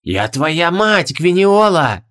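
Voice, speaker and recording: A man voicing the ghosts of a dead king and queen, speaking in a hushed, reproachful whisper. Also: a little high, very animated, measured pace, pitched above the performer's own voice, full character voice. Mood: eerie. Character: eerie whispering ghosts of dead royal parents, accusing.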